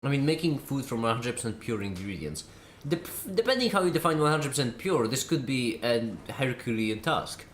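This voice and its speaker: A man's voice: medium pitch, big pitch swings, moderate pace, few pauses, reverberant, a little hiss or hum. A man chatting casually on a live stream while eating, often talking with his mouth full.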